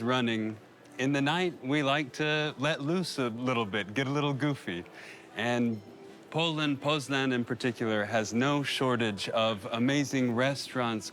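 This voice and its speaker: An American man in his thirties, an immigrant featured in a documentary, describes his life abroad in an easygoing, enthusiastic way, with small restarts. His medium-pitched voice is a bit bright, heard in voice-over and casual chat over background music. There's a little hiss or hum.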